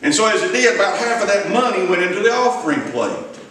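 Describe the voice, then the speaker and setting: In this clip the middle-aged Southern evangelist is high-pitched, very animated, quick, and a bit bright, with slight background noise. He preaches an evening sermon in folksy storytelling style, elongating his phrases, recorded from afar off the pulpit mic in a small, echoey sanctuary.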